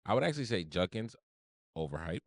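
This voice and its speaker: A man hosting a casual podcast, steering topics and chiming in with quick agreement. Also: low-pitched, big pitch swings, dry recording, studio quality. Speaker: podcast host running the segments.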